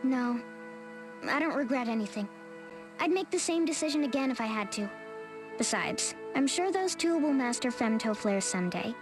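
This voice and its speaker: A woman's voice: a little high, animated, normal speed, music in the background, close to an everyday voice. A woman voicing a strong-willed young heroine in a video game, plain-spoken and commanding but caring. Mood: resolute.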